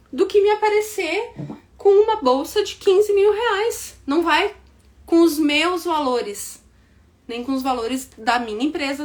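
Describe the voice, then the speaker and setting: A woman with a southern Brazilian gaúcho accent teaching an online business class to women, direct and insistent, checking in with "tá?" and mimicking excuses in a quick higher voice. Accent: southern Brazilian, Rio Grande do Sul. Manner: direct, repeats points with "tá?" check-ins. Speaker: business mentor.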